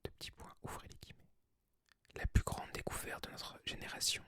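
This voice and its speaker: A person of unclear sex whispering softly and breathily, as in a library, in an ASMR book reading. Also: fairly quick. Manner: soft, hushed library whisper. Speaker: ASMR creator reading aloud.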